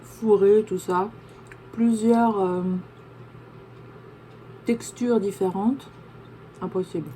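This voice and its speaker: A woman's voice: mid-range voice, steady tone, takes it slowly, pauses often, mellow, slight background noise. Woman chatting casually while eating. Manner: chatty, talks while chewing a sandwich. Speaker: vlogger. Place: home room, backlit.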